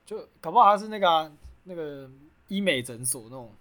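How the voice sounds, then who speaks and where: A woman's voice: deep voice, expressive, brisk, fairly bright tone. A woman in her twenties with a Taiwanese Mandarin accent, co-hosting a podcast in casual, joking, self-mocking chat. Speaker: podcast co-host.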